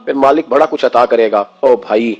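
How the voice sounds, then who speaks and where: A man's voice: mid-range voice, muffled recording, soft background music. A man preaching an emotional sermon, impassioned, firing rhetorical questions at his listeners.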